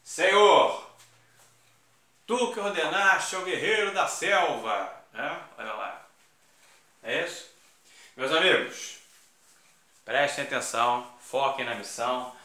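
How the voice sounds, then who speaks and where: A man's voice: medium pitch, bright, forceful tone. A man teaching for exam prep, informal and slangy, full of emphatic rhetorical asides. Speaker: Portuguese teacher. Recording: very echoey classroom.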